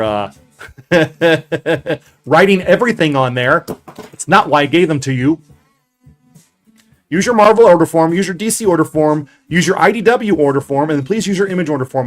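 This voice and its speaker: A man running a casual livestream from his basement office, swearing a lot, getting excited and then putting himself down. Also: on the high side. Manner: profane, excitable, self-deprecating. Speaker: comic shop owner streaming.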